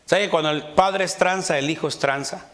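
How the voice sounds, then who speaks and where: A middle-aged man preaching a sermon in church, rising to shouts and peppering his talk with amens. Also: on the high side, brisk. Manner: mimics quarrelling voices in his anecdotes. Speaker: pastor. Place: church sanctuary.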